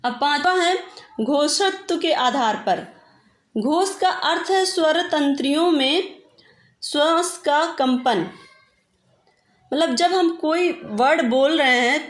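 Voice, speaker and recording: Woman teacher, high voice, patient explaining, echoey room. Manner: patient, drawn-out sounding of vowels. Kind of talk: explanatory grammar lesson.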